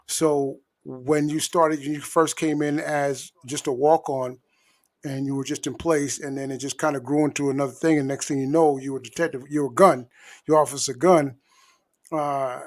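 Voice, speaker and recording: A man hosting a relaxed interview show, his voice sitting a little high. He backs his guest up often and builds his questions slowly, circling before he lands on them. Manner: affirming, asks long wandering questions. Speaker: talk show host. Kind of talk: casual interview chat.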